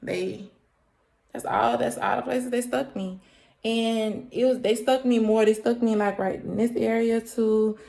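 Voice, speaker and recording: A woman's voice: fairly high pitch, measured pace, creaky. Chatty woman vlogger, echoey room. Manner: animated, chatty, addresses viewers as y'all. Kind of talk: casual storytelling to camera.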